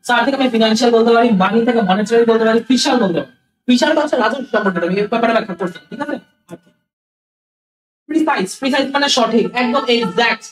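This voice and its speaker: A man teaches vocabulary at a brisk clip. He repeats terms, mixes in English and keeps checking that the class is following. His voice reaches the mic from some distance, bouncing around an echoey room. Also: very high-pitched. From Bangladesh.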